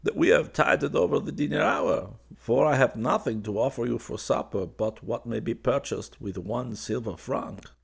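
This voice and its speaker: A man voicing a drowsy young painter who murmurs softly and dreamily to a cat. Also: medium pitch, moderate pace, gravelly, few pauses, husky, pitched above the performer's own voice. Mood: wry. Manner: soft, dreamy, musing.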